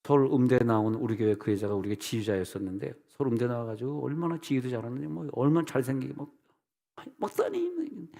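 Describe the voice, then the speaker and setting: A man's voice: quick pace, creaky, hardly any pauses. A man pastor preaching a revival sermon, telling stories and acting out the voices of church members. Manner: animated storytelling, mimics church members in high voices. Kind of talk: revival sermon with acted-out dialogue. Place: church sanctuary. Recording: long church hall reverb.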